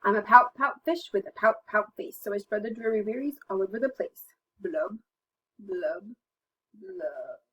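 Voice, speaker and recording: A woman's voice: mid-range voice, a little slow, slightly rough, poor audio. A woman voicing a glum, pouting male fish who chants a sulky rhyming refrain in a read-aloud storybook.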